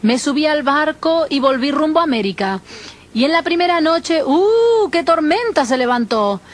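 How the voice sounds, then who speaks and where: A woman preacher telling her first-person testimony in an expressive, dramatic storytelling manner. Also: sits high, normal speed.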